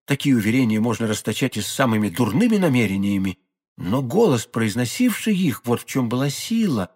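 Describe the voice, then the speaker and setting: A man narrating a classic novel in an audiobook with a measured, expressive reading. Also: medium pitch, slightly rough. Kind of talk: scripted literary narration.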